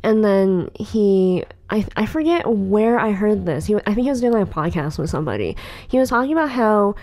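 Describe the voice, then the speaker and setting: A woman's voice: mid-range voice, expressive, moderate pace, a little mellow. A woman in her late twenties co-hosting a podcast, talking casually with lots of fillers and restarts. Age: 20s. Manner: rambling, filler-heavy. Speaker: podcast co-host. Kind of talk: casual chat.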